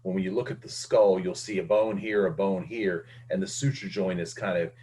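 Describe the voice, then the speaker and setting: A man with a somewhat low voice delivers a recorded anatomy lecture. He explains step by step, often pausing on fillers and restarting his sentences as he goes. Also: steady tone, mellow, a little hiss or hum. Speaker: anatomy instructor.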